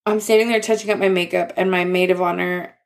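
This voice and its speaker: A woman's voice: lowish voice, fairly even intonation, quick pace, gravelly. Young woman co-host, casual storyteller, giggly and full of fillers. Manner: chatty, laughs often, many likes and ums. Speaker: podcast co-host.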